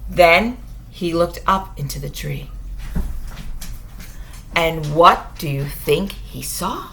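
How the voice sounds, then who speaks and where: Lady doing storytime for little kids, slow and really expressive, bright clear-cut voice, pauses for drama. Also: low voice, slight background noise. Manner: expressive, asks listeners questions, dramatic pauses. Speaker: children's storyteller and teacher. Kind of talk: animated read-aloud bedtime story for young children.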